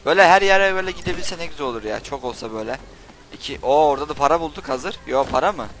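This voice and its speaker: A young man doing Let's Play commentary, swearing and shouting insults at game characters while he plays. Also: fairly high pitch, animated, racing, soft background music. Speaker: gaming channel host.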